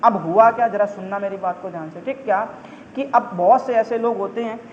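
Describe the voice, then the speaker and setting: A man's voice: high voice, fairly quick. A male teacher giving a casual grammar lesson, chatty and repetitive, with everyday examples and constant check-ins. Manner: chatty, repetitive, keeps calling listeners brother. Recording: echoey room, muffled lo-fi, faint hiss.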